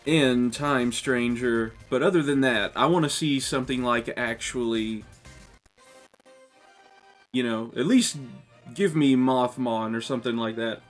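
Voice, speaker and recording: A man's voice: medium pitch, a little slow. A man hosting a let's play, giving casual, conversational commentary on a video game. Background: faint music.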